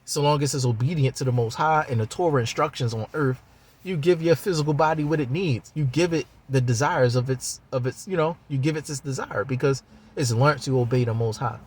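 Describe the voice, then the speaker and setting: A man's voice: mid-range voice, brisk, darkish tone, husky. A man talking in a loose, rambling monologue about spiritual ideas, casual and profane, with lots of fillers.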